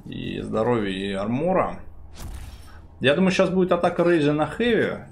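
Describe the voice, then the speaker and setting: A man's voice: medium pitch, animated, moderate pace. A man giving live esports commentary in an informal way, full of gamer slang. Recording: clear background game noise.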